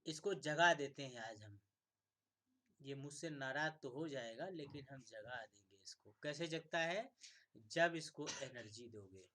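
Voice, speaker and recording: A man teaching an online electronics class, repeatedly asking questions and answering them himself, loud on key words and quiet on asides. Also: medium pitch, measured pace. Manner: asks and answers his own questions, repetitive, coaxing; swings between loud emphasis and quiet asides.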